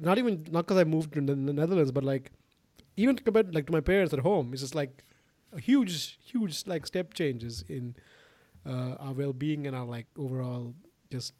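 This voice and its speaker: Podcast host, man originally from Sri Lanka, slightly high pitch, loose rambling delivery, dry close recording. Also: darkish tone, no room sound. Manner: rambling, many restarts and filler words. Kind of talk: casual conversation.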